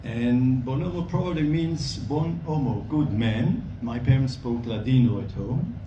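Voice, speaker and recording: A man in his sixties from Belgium, gives a friendly speech at a gala dinner and chuckles softly. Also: mid-range voice, unhurried, lo-fi sound. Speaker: volunteer bike instructor. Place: banquet hall. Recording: echoey hall, mic far off, noisy.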